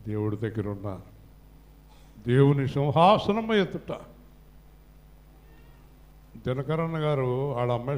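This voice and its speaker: A middle-aged pastor preaching a sermon, swinging from quiet storytelling to loud, impassioned passages. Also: male voice, mid-range voice.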